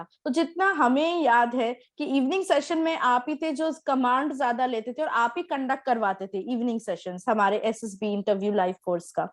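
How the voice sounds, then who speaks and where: A woman's voice: high voice, fairly bright tone. A woman interviewing a student, asking long questions with fillers. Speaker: interviewer, coach.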